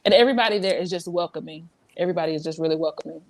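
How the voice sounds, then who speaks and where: Talking at a racing pace in a lowish voice, a young woman guests on a casual podcast. She's from South Carolina, teaches abroad, and has a light Southern accent. She sounds earnest and reflective, with plenty of restarts.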